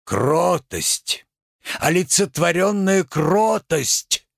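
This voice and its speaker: A man's voice: high-pitched, big pitch swings, creaky, dry recording, clean studio sound, full character voice. A man declaiming as a pompous raging tragic actor. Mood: grandiloquent. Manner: declamatory, thundering, drawn-out grand phrases. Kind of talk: reading a stage play aloud.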